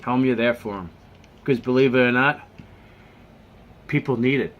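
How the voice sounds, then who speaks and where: A man vlogging to camera in a casual, earnest way, with many restarts, often dropping low and quiet on sincere points. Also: moderate pace, highs cut off.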